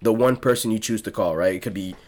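A man's voice: on the low side, fast, a little mellow. A young man co-hosting a podcast, telling a story in casual chat, swearing freely and leaning on lots of fillers. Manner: profane, laid-back storytelling with lots of fillers. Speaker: podcast co-host.

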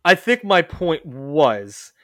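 A man's voice: a little high, big pitch swings, slow, fairly bright tone, no echo, studio quality. A man hosting a casual music chat, rambling and often correcting himself mid-sentence. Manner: rambling, self-correcting, lots of restarts. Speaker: podcast host.

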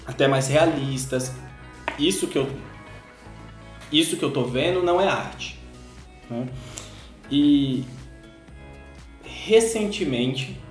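A man hosting a casual discussion, telling stories with frequent hesitations. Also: medium pitch. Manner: rambling storyteller, often hesitates. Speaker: podcast host. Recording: roomy echo, faint music.

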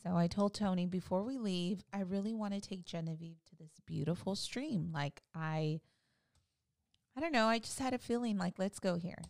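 A woman in her thirties, a mother chatting casually with her husband and telling a family story with animated quoted lines. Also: on the low side, moderate pace, no echo, clean studio sound. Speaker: co-host, wife and mother. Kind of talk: casual chat.

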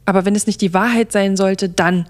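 Lady doing a nervous young warlock guy, kinda high and loud, protective. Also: fairly even intonation, fairly quick, lightly acted. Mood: stern. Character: young male warlock friend, anxious and protective.

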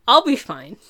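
A woman's voice: a little high, sharp tone, slightly rough. An American woman co-hosting a podcast, chatting casually with lots of swearing and laughter. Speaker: podcast co-host. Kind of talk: casual chat.

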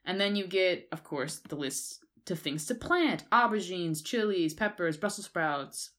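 A woman co-hosting a podcast, talking in a relaxed, rambling way with plenty of fillers. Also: lowish voice, unhurried. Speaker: podcast co-host. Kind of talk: casual chat.

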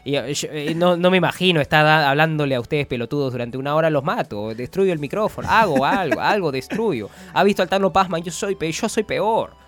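A man's voice: on the high side, lively intonation, brisk, hardly any pauses, fairly bright tone. A man doing a grumpy, foul-mouthed old doctor. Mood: grumbling. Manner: insulting, rambling, stammers and repeats words. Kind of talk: comedic character interview.

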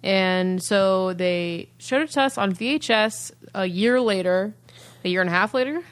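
A woman's voice: medium pitch, normal speed, smooth. A woman co-hosting a podcast in casual chat, with a blunt, teasing way of talking. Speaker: podcast co-host.

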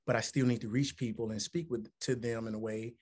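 In an interview conversation, a forties-aged man from Alabama, United States, who works as a musician and motivational speaker, speaks in a steady, brisk, medium-pitched voice with a darkish, slightly rough tone. His answers are earnest and reflective, working up to emphatic points.

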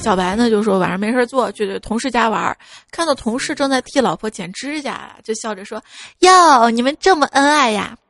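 A fairly high-voiced woman hosts a joke segment, reading stories sent in by listeners and briefly acting out each character with sudden leaps in pitch. She laughs along at her own punchlines. Soft music plays quietly under her voice. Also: fast talker. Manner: lively, acts out quoted speakers with jumps in pitch. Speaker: radio-style joke show host. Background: faint background music.

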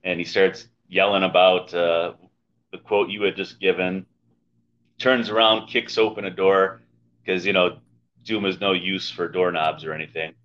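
A podcast co-host with a low-pitched, fairly bright voice speaks at a measured pace in a steady tone, casually and wryly reviewing comic books in conversation. The lo-fi mic sounds dull, with a little hiss or hum.

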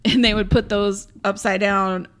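A woman's voice: mid-range voice, normal speed. A woman telling childhood stories in a casual podcast chat, laughing often. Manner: laughs often, animated storytelling. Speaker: guest.

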